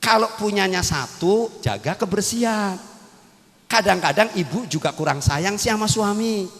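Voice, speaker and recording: A man's voice: sits high, lively intonation, normal speed, gravelly, fairly bright tone, big-room sound. A man preaching a humorous Islamic sermon, teasing and joking with his audience and calling out to them. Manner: teasing, playful, calls out to the crowd.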